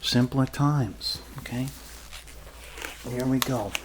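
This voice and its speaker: Playing a goofy, reassuring doctor in an improvised ASMR roleplay, a man rambles casually and cracks jokes as he goes. He talks at a slow pace with a medium pitch, and there's background noise.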